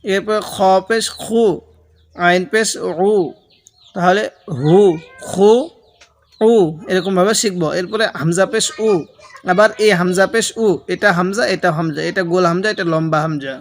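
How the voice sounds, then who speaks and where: Patient high-voiced man teaching Arabic letters. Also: fairly even intonation, a little slow. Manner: patient, repeats each sound and corrects common mistakes. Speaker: Quran reading teacher. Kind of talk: slow step-by-step lesson.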